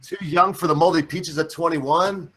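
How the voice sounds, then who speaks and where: A man's voice: on the high side, fairly even intonation, normal speed, crowd noise. A man in his forties hosting a late-night livestream, rambling and joking with crude humor. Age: 40s. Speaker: livestream host. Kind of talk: casual late-night chat.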